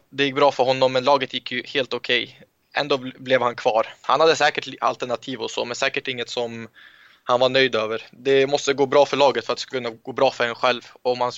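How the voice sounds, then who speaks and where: A young man from Sweden, a footballer guest in an interview, telling relaxed anecdotes with frequent restarts. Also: medium pitch, dry recording, muffled recording. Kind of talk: casual interview storytelling.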